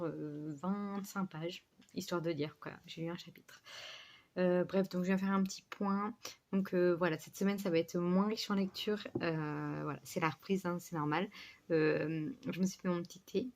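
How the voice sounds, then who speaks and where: A woman's voice: lowish voice, darkish tone. A woman chatting casually to her book vlog in a rambling, scatterbrained way, with a slight lisp on her words. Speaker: book vlogger.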